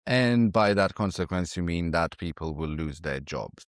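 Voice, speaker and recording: Male podcast host, deep voice, dry no-room sound, short probing questions. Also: animated, moderate pace, no echo. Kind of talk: conversational interview.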